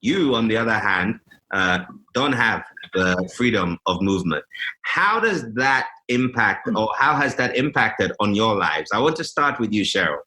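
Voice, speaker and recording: A man with a Ghanaian accent hosting a conversation, speaking in a measured, formal way. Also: fairly low pitch, sing-song, pushed and bright, rough recording. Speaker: host. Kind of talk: hosted video call chat.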